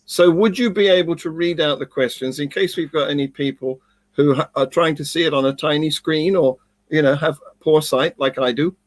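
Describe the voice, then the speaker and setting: A man hosting an online event, chummy and brisk with his guests. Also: on the high side, no room sound. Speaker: host.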